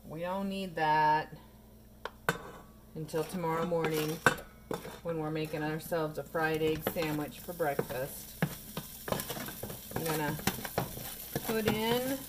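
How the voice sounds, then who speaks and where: A woman's voice: low-pitched, takes it slowly, long pauses. Chatty woman cooking in a noisy kitchen. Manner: chatty, wry asides while stirring. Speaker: home cooking vlogger. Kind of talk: casual cooking narration. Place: home kitchen, indoors.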